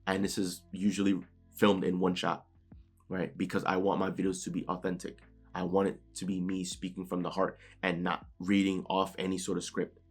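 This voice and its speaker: A young man from New York, a motivational YouTuber, talks casually and without a script from his bedroom. His monotone voice is slightly rough and moves at a moderate pace, often tagged with "right?" and the odd stutter. Quiet music plays behind him.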